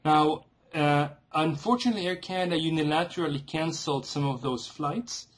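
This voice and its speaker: A man calling an airline as a customer, making a formal and insistent complaint in a halting way. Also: on the high side. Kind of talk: formal complaint on a phone call.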